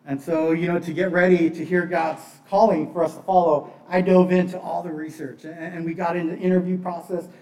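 A middle-aged man, born in Bangladesh and partly raised in Pakistan in a missionary family, preaches a sermon with earnest, conversational personal testimony and phrases repeated for emphasis. His darkish voice sits on the high side with little pitch movement, running a bit fast with few pauses. A distant mic captures him in an echoey room.

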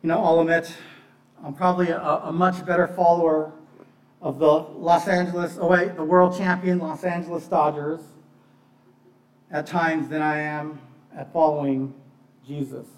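Born in Bangladesh and partly raised in Pakistan by a missionary family, a middle-aged man gives a sermon, earnest and conversational, leaning on personal testimony and repeated phrases for emphasis. His slightly high voice keeps a level tone at a moderate pace. A distant mic and an echoey room shape the sound.

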